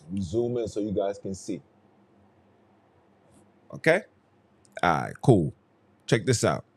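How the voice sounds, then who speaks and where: This Haitian podcast host is a young man doing casual solo commentary, his fairly low voice very animated, slightly rough, and measured in pace. He argues heatedly and emphatically, often circling back to the same phrases.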